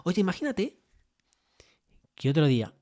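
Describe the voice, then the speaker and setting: A man's voice: high-pitched, normal speed. A man with a Spain Spanish accent, giving a motivational business talk and coaching listeners through lots of rhetorical questions and tag questions. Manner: animated storytelling with acted-out dialogue.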